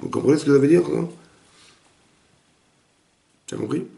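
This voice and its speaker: A man, a rabbi, giving a lively interactive Torah class, quizzing his students and acting out the dialogue. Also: a little high, moderate pace, creaky. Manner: animated, questions the students, acts out dialogue. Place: echoey room with students. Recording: roomy echoey room recording.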